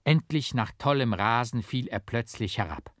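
A male narrator reads a gothic tale with practiced stresses and rhythm, in a middle pitch. The sound is dry and close, as in a studio. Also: moderate pace, dry recording. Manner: expressive, strongly rhythmic and emphatic. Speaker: audiobook reader. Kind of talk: dramatic literary reading. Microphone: close studio mic, dry.

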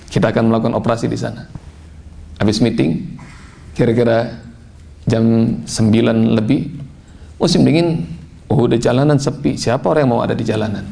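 A man preaches with a deeply gravelly, fry-laden voice at a middle pitch. He tells his story in an animated way, and his voice climbs high and forceful whenever he quotes. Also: moderate pace, pauses often. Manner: animated, rising to high emphatic tones when quoting. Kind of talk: sermon with storytelling.

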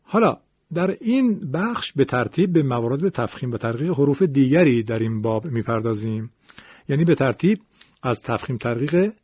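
A man teaching Quran recitation rules, explaining in a measured way and demonstrating how each sound is made. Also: medium pitch, darkish tone, slightly rough, dry recording. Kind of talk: classroom lecture on recitation rules.

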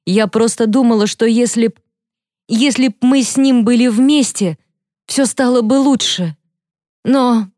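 Woman voicing a teen girl, tearful, high-pitched, strained, dry mic. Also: a little slow, a little mellow, dry recording, lightly acted. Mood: sobbing. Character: teen girl, upset and crying.

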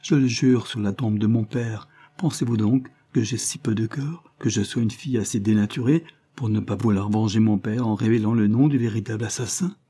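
A man's voice: on the low side, a little fast, dark tone, lightly acted. A man voicing a passionate young woman in an audiobook, given to pleading, sobbing outbursts. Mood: distraught, vehement.

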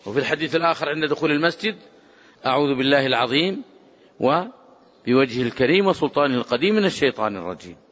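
A man's voice: medium pitch, animated. Emphatic male scholar in an echoing hall. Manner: emphatic, rising to forceful exclamations; measured, drawn-out quoting of prayers. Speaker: Islamic scholar teaching. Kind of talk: religious lesson. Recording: dull lo-fi sound with long hall reverb.

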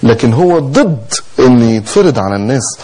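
A man's voice: medium pitch, lively intonation, normal speed, dark tone, slightly rough, poor audio. A man preaching in a sermon with an Egyptian accent, exhorting passionately and firing rhetorical questions.

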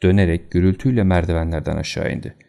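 A man narrating an audiobook in a steady, even storytelling manner. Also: low-pitched, very fast, gravelly. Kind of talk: scripted narration.

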